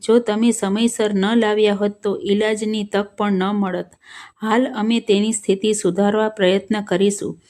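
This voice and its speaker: A woman narrating a sad story, telling it slowly and earnestly and voicing the dialogue herself. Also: medium pitch, darkish tone.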